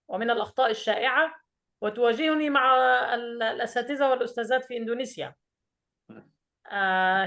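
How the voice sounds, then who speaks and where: Woman, recitation teacher, slightly high voice, slow careful modelling of sounds, online class. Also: a bit bright. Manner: patient, models sounds slowly and repeats them. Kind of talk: online pronunciation coaching.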